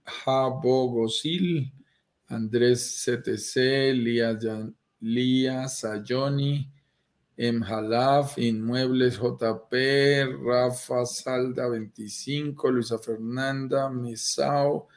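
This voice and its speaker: A man's voice: mid-range voice, steady tone. A man co-hosting a live stream, answering viewer questions and reading out names. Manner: explains quickly, reads out viewer names. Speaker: co-host of a real estate investment live stream.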